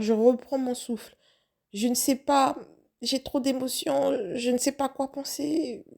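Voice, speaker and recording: A woman's voice: sits high, creaky, dark tone. A woman acting out a young, lovestruck waitress who panics and keeps questioning herself. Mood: anxious. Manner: breathless, flustered self-questioning. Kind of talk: first-person story acting.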